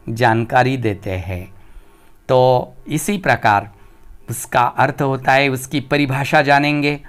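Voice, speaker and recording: Slow, clear-voiced man teaching grammar. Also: mid-range voice, a bit bright. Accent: Marathi-influenced Hindi. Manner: slow and deliberate, pausing on each term. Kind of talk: slow explanatory grammar lesson.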